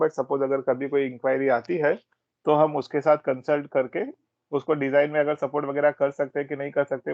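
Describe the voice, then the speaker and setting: A man with an Indian accent and a fairly high, creaky voice gives an informal, explanatory training presentation, switching between Hindi and English. He's a technical product trainer at a systems company, and the close recording sounds dull and band-limited with no room sound.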